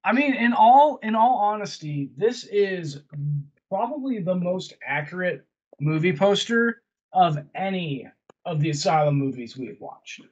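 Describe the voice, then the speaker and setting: A man's voice: high voice, sing-song, measured pace, a little mellow, slightly rough, dull audio. A man co-hosting a casual film review chat over a video call, recapping plots in a meandering way with many fillers. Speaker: podcast co-host reviewing films.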